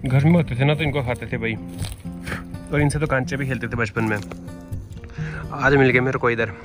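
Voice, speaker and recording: Holding his phone out at arm's length on a hillside, a man in his twenties records a casual travel vlog, talking chattily and calling his viewers bhai. His medium-pitched voice is brisk with fairly even intonation, and music plays underneath.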